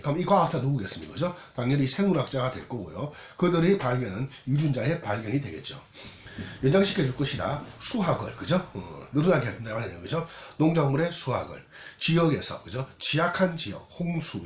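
Gyeongsang-accented man teaching, lively pitch. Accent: Gyeongsang Korean. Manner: checks in constantly with rhetorical questions. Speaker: English exam tutor. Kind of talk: recorded exam lecture. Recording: roomy echo, faint noise, clicks.

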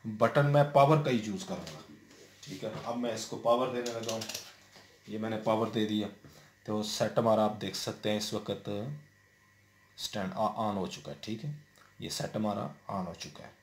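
Low-voiced man explaining a TV repair. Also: moderate pace. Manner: explains step by step, many fillers and repeated "theek hai". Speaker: TV repair technician. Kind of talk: hands-on repair tutorial. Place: indoor room at a workbench. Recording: roomy echo with faint noise.

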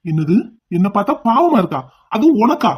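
A man's voice: sits high, sing-song, brisk, a little hiss or hum. A man voicing a cruel male kidnapper in a cartoon drama, taunting and threatening his captive with mocking questions.

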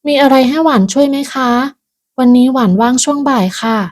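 A woman voicing a young woman who speaks sweetly to coworkers but snaps at her parents, in a high, sugary tone. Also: fairly even intonation, brisk, darkish tone. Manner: sugary polite pleading tone.

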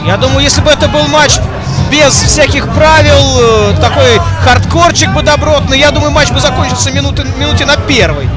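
Male wrestling commentator, strained-high pitch, shouty exclamations, live call, roaring crowd. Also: a little fast. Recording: loud crowd and music at outdoor event.

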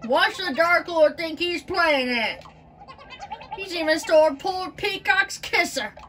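A woman's voice: very high-pitched, lively intonation, slow, fairly bright tone, slight background noise, exaggerated voice. A woman voicing a fretful old townsman from a video game, telling his tale earnestly and dramatically. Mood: fretful pleading. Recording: far from the mic, game music.

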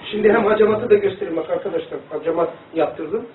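A high-voiced man gives a rambling, animated religious lesson, demonstrating as he talks. He sits well back from the mic in a roomy, echoing space. The sound is thin and phone-like, with a faint hiss behind him. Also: fast talker. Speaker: religious teacher. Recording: echoey room, distant phone-like mic.

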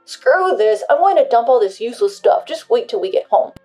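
A woman voicing an entitled husband who shouts demands over the phone. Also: fairly high pitch, big pitch swings, fairly quick, soft background music. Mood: angry. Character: angry, entitled adult husband.

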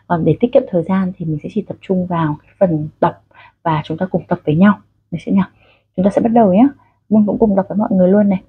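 A Vietnamese-accented woman leads an online pronunciation drill, guiding learners in a friendly, direct way. Her voice is breathy and sits in an ordinary middle pitch. The recording sounds muffled and lo-fi. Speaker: English pronunciation teacher.

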